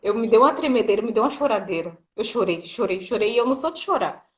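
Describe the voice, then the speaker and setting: A doula, appearing as an interview guest, tells a personal story in a high-ish voice, talking fast. Her narration is lively, full of acted-out quoted dialogue and a frequent "né".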